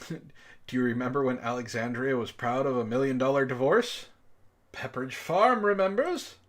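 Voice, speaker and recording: A book club host reads a story aloud and banters casually in a medium-pitched voice at normal speed. His manner is exasperated, profane and mocking.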